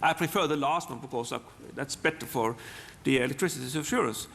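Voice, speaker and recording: Creaky-voiced Norwegian man, halting presenter. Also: mid-range voice, a bit bright, slight background noise. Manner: halting, repeats words and restarts often. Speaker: software presenter. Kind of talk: live technical demonstration talk. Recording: long hall reverb.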